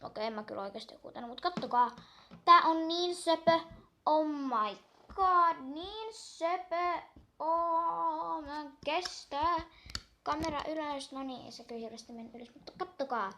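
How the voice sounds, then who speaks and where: Excitable high-voiced girl unboxing toys. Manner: excitable, gushing squeals; counts down aloud. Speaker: toy unboxing vlogger. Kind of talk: casual unboxing chat.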